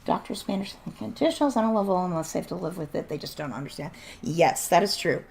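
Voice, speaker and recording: A woman's voice: fairly low pitch, animated, fast, gravelly, darkish tone. A woman chatting casually and bluntly while streaming a game, laughing often and starting to lose her voice. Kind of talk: casual livestream chat while gaming.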